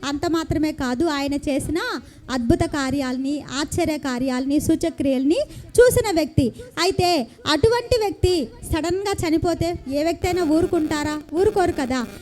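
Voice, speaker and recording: A woman with a Telugu accent preaches in a very high voice. She tells the story as a sermon and keeps asking her listeners questions. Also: normal speed. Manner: animated storytelling with rhetorical questions.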